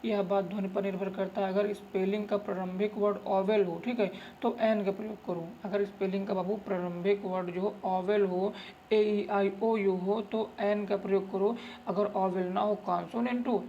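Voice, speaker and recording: A man's voice: high-pitched, flat delivery, normal speed, warm tone, dull audio, slight background noise. Man teaching grammar, repetitive coaxing. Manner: repetitive, coaxing, keeps saying "look" and "okay"; calls students "babu" affectionately. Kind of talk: tutorial lesson.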